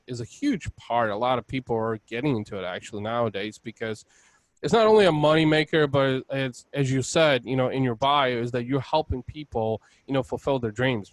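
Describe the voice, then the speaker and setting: A man's voice: medium pitch, no echo. A man from Bulgaria hosting a podcast, chatting casually and rambling with many "you know"s. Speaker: podcast host. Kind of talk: casual interview chat.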